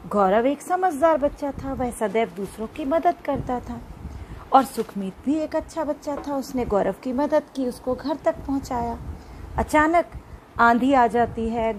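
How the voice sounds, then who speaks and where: A woman's voice: on the high side, a little hiss or hum, low-quality recording. A woman teacher reading a children's story aloud as a lesson and explaining it to young pupils.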